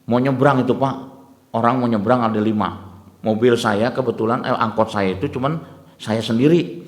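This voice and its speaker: A man giving a dawn lecture sermon, telling animated stories and often addressing the listeners as "Pak". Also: medium pitch. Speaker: Islamic preacher. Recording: echoey hall with long reverb.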